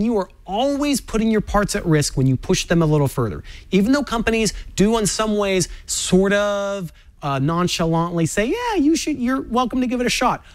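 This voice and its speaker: A man explaining how to overclock a graphics card in a cautionary, instructive way. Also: high-pitched. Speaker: tech demo guest explaining overclocking. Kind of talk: explanatory studio segment.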